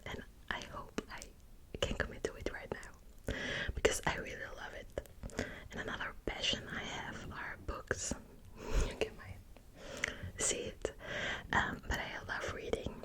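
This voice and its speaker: A young Belgian woman with a Dutch accent hosts her ASMR book channel, whispering softly and hesitantly with many small fillers. She speaks a little slowly.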